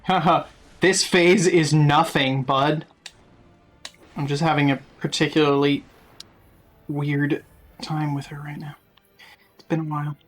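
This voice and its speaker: Husky, offhand gamer commentary. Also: mid-range voice, flat delivery, measured pace, pauses often, faint music behind. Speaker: video game streamer. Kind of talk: casual gameplay commentary.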